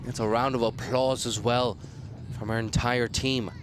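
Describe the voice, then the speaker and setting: A man commentating live on a cricket match, losing his voice and jumping up in pitch and volume whenever a wicket falls. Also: flat delivery, normal speed, slight background noise. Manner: rises sharply in pitch and volume on wickets and appeals.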